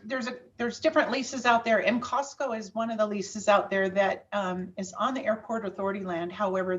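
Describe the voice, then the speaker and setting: Hesitant woman finance director, off-mic. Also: mid-range voice. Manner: hesitant, quiet, many ums and restarts. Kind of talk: formal public meeting remarks. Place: city council meeting. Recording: distant from mic, dull audio.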